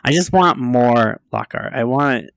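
A man's voice: medium pitch, expressive, a little slow, creaky, fairly bright tone, smooth, no echo. A man co-hosting a casual fan podcast, talking emphatically and repeating his points. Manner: emphatic, repeats himself, laughs often. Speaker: podcast co-host. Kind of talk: casual chat.

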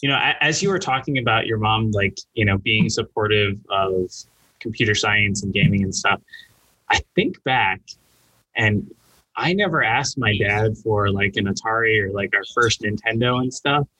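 Bright, husky male podcast host. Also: on the low side, normal speed, dry recording, poor audio. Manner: casual and chatty, uses many fillers like "you know" and "like". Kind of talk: podcast interview.

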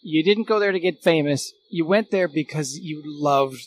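A middle-aged former radio recording engineer, appearing as a podcast guest, chats in a casual, unscripted way and thinks aloud as he goes. His voice is a little high, at normal speed.

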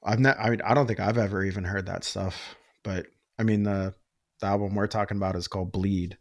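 A man with a fairly low voice, hosting a casual podcast. He rambles with enthusiasm, peppering his talk with "like" and curse words. The sound is dry and close. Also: fairly even intonation, fairly quick, no room sound. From Western Pennsylvania. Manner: enthusiastic, rambling, heavy use of "like" and swearing. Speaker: podcast host.

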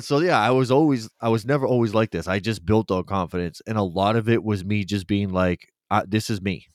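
A man's voice: on the low side, fairly quick, no echo, studio quality. A man co-hosting a podcast, chatting casually, swearing a lot and laughing often. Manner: profane, laughing, boastful. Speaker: podcast co-host. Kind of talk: casual chat.

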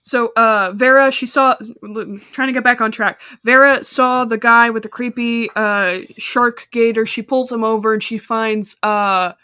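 A woman with a bright, fairly high voice chatting casually on a podcast, recapping a cheesy movie scene by scene. She rambles a bit with fillers, and the close mic sounds dry. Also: steady tone, a little slow, hardly any pauses, clear, resonant tone, no echo. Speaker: podcast host.

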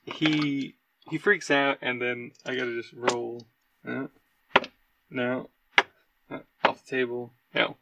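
A man narrating as game master of a tabletop game, animated and quick to laugh. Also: mid-range voice, creaky, very noisy.

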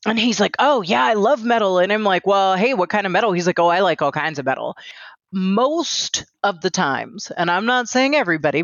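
A woman's voice: lowish voice, fairly bright tone, no room sound. A woman in her forties hosting a solo podcast, talking in a chatty, candid way full of fillers. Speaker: podcast host. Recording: dry, slightly dull lo-fi sound.

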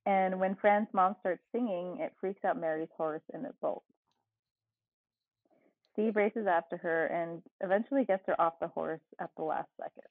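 With a lowish voice at normal speed, a woman recaps a movie's story on the podcast she co-hosts, sprinkling in deadpan comments. There's no room sound, though the line sounds tinny and phone-like.

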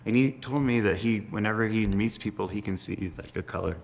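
Low gravelly young man rambling. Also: a little fast. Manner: rambling, many fillers and laughs. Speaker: guest. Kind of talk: casual storytelling chat.

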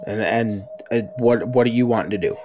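A man's voice: mid-range voice, fairly quick, darkish tone, soft background music. Man running a tabletop game. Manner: joking, teasing players. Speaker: game master.

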